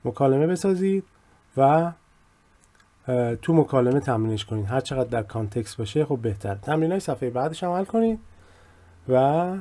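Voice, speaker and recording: A man teaching an English vocabulary lesson, explaining in Persian and saying the English example phrases slowly and clearly. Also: medium pitch, expressive, dark tone.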